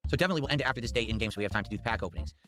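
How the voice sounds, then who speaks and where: A man's voice: fairly low pitch, animated, rapid-fire, a bit bright, soft background music. A man chatting casually on a live game stream, thinking aloud and addressing his viewers.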